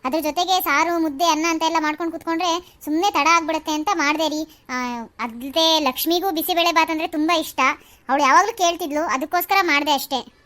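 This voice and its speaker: A meek young wife from a cartoon serial, with a very high voice and a quick, apologetic delivery. She answers politely, always smoothing things over. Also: fairly even intonation, a bit bright. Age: young adult. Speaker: cartoon voice actor.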